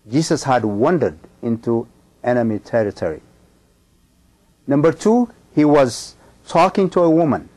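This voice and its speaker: A middle-aged man from Ethiopia giving a sermon, speaking in a measured, emphatic way with frequent pauses and ums. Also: mid-range voice, a little mellow. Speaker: pastor.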